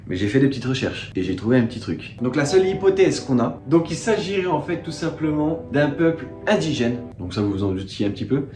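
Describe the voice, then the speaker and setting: A man's voice: mid-range voice, echoey room. A young man vlogging from his living room, rambling in slangy, self-mocking chatter with many fillers. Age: young adult. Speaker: YouTuber. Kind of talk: casual vlog storytelling.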